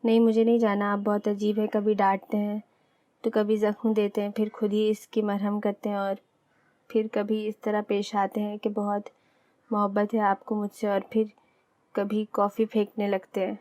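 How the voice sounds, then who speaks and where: A woman's voice: medium pitch, completely flat delivery, mellow, no echo, close to an everyday voice. A woman voicing a sulky, childlike young wife who is easily brought to tears. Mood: tearful, sulky. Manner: pouting and childlike. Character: sulky, teary young wife, afraid of the dark.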